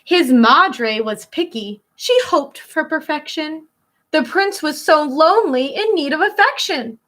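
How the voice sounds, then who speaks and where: Her voice sitting high, a woman teacher reads a picture book to children, stretching important words and stopping to explain. The reading is expressive and meant to teach.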